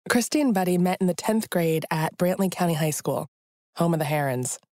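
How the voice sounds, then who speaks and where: Low-voiced woman narrating a podcast. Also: animated, fairly quick, dark tone, no room sound, studio quality. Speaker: podcast host. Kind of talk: scripted narration.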